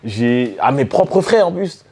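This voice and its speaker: A man from the French Caribbean, a DJ and artist telling stories in a relaxed interview, with many fillers and restarts. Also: medium pitch, slow pace, slight background noise. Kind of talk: casual storytelling interview.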